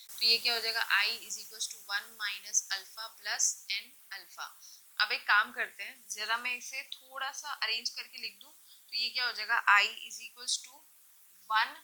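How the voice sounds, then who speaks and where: This is a classroom chemistry lecture blending Hindi and English, given by a woman whose voice is fairly high, bright and forceful. She explains each step, asks questions and answers them herself, and keeps checking in with brief confirmations. The audio is poor.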